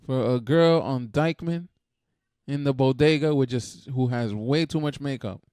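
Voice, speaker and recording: A man's voice: mid-range voice, unhurried, a little mellow, smooth, no room sound. A man hosting a reaction video, talking in a blunt, profane, exasperated casual rant.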